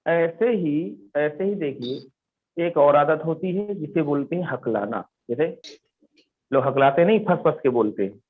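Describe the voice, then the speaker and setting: A man's voice: fairly high pitch, a little slow. A man teaching an English class, telling stories and quizzing his students, repeating the key words. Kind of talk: classroom lesson with storytelling. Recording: tinny phone-like online class audio.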